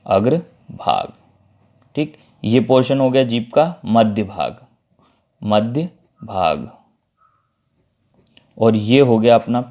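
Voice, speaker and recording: A man's voice: medium pitch, warm tone. A man teaching a Hindi grammar lesson, explaining step by step, repeating key terms and checking in with his students. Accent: Madhya Pradesh Hindi.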